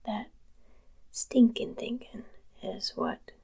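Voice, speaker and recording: A woman doing a whispered role-play in ASMR style, guiding the listener gently in a breathy whisper. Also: fairly high pitch, wildly swooping pitch, takes it slowly. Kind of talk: whispered ASMR role-play, a soothing brain-cleaning session.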